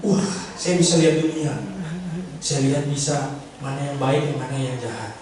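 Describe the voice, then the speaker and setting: A man's voice: medium pitch, normal speed, a crowd in the background. A man preaching to a congregation, acting out a pleading sinner in a dramatic sermon illustration. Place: church hall. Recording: echoey church hall from far off.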